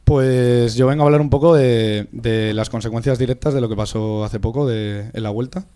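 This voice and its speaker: A young man from Spain co-hosts a loose chat with friends, joking and repeating his phrases. His voice sits at an ordinary middle pitch. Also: fairly even intonation, moderate pace, mellow, clean tone. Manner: playful, repeats phrases, jokes. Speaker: podcast co-host. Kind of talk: casual chat.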